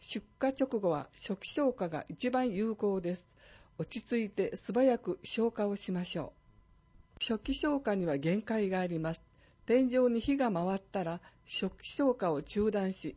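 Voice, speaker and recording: A woman announcer reading a scripted fire department public service announcement in a clear, measured way. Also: medium pitch, expressive, dark tone, highs cut off.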